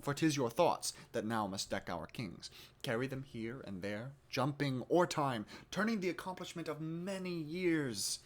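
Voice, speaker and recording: A man's voice: mid-range voice, natural voice. A man declaiming as a grand stage chorus narrator. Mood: humble, coaxing. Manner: declamatory, stretched out, swelling emphasis. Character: theatrical male chorus narrator of a history play. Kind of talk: Shakespeare monologue rehearsal.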